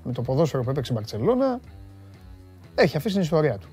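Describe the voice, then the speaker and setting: Joking sports talk host. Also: male voice, a little high, husky, soft background music. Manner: joking, animated, banters with studio crew. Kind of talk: casual sports talk, reading viewer comments.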